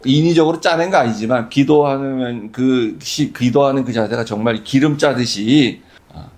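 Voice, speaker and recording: A man preaching a sermon as pastor, conversational and full of rhetorical questions. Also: medium pitch.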